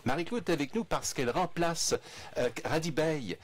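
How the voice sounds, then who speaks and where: A man's voice: fairly high pitch, normal speed. A man hosting a radio show in a studio, chatty and joking. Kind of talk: casual studio chat.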